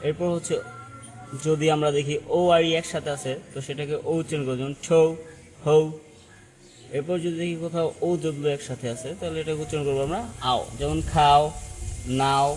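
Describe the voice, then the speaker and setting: A man's voice: fairly high pitch, steady tone, brisk, darkish tone, soft background music, low-quality recording. A man teaching an English pronunciation lesson, explaining step by step and often checking in with "right?". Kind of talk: spoken language lesson.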